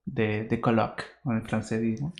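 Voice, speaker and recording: A man co-hosting a podcast, speaking in a measured, slightly hesitant conversational way about his own experience. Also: lowish voice, fairly even intonation, vocal fry, roomy sound. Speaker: podcast co-host. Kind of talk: conversational interview.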